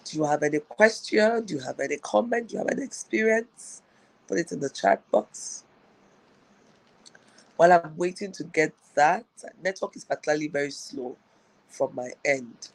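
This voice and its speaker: A woman's voice: deep voice, animated, normal speed, creaky, no echo, poor audio. A woman coach hosting a live-streamed talk show, addressing viewers directly and repeating her key phrases. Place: live online broadcast on a slow connection.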